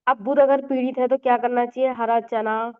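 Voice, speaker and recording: A woman's voice: a little high, steady tone, moderate pace, clean tone. Woman teaching astrology over tinny audio. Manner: conversational, explanatory, with fillers and English words mixed in. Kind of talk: informal astrology lesson.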